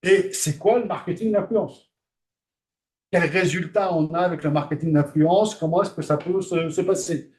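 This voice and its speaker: A man giving a classroom lecture, talking conversationally, asking the class questions and pausing on fillers. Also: a little high, a little mellow.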